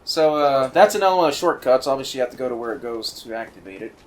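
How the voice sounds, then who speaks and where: A man giving casual, rambling commentary on a video game he is playing, full of fillers and excited asides. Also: medium pitch, very fast. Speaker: let's play commentator.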